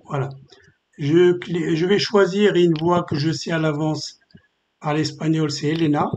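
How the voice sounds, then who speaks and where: A man presenting a screen-recorded software tutorial, explaining step by step with frequent filler pauses. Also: fairly high pitch, fairly even intonation, muffled recording, slight background noise. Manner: hesitant, many filler pauses.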